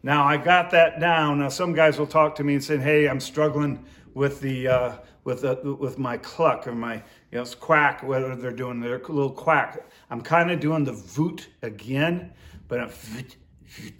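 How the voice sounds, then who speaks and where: A man's voice: mid-range voice, normal speed, a bit bright. A man instructing in duck calling, explaining his technique step by step in an informal, hands-on way.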